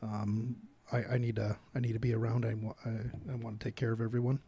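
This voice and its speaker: A man's voice: medium pitch, little pitch movement, fast, dark tone, slightly rough. A middle-aged father chatting casually with his daughter as co-host, earnest and rambling, with frequent restarts. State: hiccups. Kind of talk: casual chat.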